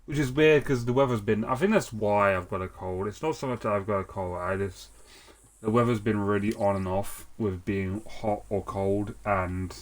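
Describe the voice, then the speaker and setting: A streamer with a cold, this young man chats casually during a let's-play, rambling and restarting with plenty of fillers as he plays. His voice sits on the low side, with a steady tone at normal speed.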